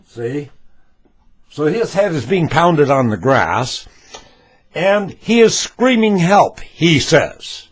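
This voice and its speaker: Husky man, slow and animated. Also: on the high side. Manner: emphatic and demonstrative. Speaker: amateur video maker. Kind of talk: homemade commentary with demonstrations.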